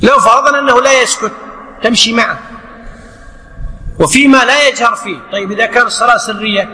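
Bright-voiced man teaching in echoey hall. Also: extremely high pitch, quick pace. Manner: explains by acting out imam and follower, lively rhetorical questions. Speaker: Islamic scholar teaching. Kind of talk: religious lesson on prayer rulings.

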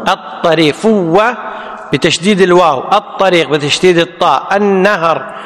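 A man's voice: high voice, normal speed, a bit bright. A man teaching a lesson, who repeats each word and quizzes his students. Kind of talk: classical Arabic text lesson. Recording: long hall reverb.

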